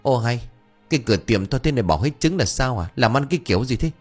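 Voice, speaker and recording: A man's voice: mid-range voice, expressive, fast, darkish tone, husky, faint music behind, pitched above the performer's own voice. A man voicing a stubborn, boastful old man who blusters and defends his choices. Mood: blustering.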